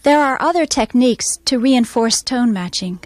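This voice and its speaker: A woman music teacher explaining her methods in a calm, measured instructional voice-over. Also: fairly high pitch, no room sound.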